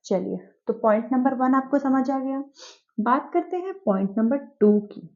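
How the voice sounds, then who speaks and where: A woman's voice: high voice, lively intonation, moderate pace, a little mellow, muffled recording. A woman teacher giving an online exam-prep lecture, explaining step by step and asking herself rhetorical questions.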